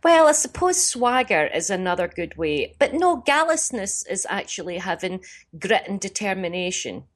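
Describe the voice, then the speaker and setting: A middle-aged woman from Scotland with a Glaswegian accent, talking as a comedian guest in a phone interview, animated and storytelling. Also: medium pitch, normal speed. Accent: Glaswegian Scottish. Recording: phone line.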